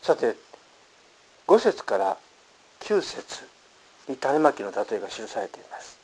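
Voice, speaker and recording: A man's voice: a little slow, husky, poor audio. A man preaching a sermon, reading scripture and explaining it in an earnest, emphatic manner. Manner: earnest, emphatic preaching with lively pitch swings. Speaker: pastor.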